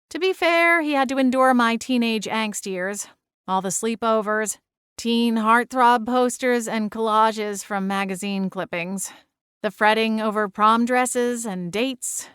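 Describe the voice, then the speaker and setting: Female audiobook narrator, medium pitch, scripted first-person storytelling, dry close-mic sound. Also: measured pace, a bit bright, clear, resonant tone, dry recording.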